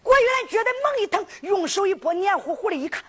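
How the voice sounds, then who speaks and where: A woman with a Henan accent performing sung folk storytelling in a lively sing-song narration. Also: extremely high pitch, fast.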